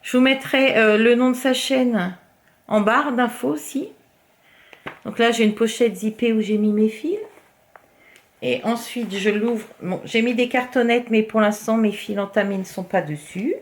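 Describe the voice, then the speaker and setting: Woman vlogger chatting about her crafts, fairly high voice, lots of fillers, sometimes goes soft and murmury. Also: fairly even intonation, a little slow. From France. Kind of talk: casual show-and-tell chat.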